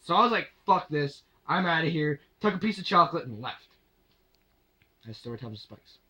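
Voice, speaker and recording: A man's voice: on the high side, sing-song, normal speed, sharp tone, muffled recording. A young man casually telling a story to camera, swearing and acting out his own exasperated lines. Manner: swearing, exasperated retelling with acted-out quotes. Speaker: vlogger.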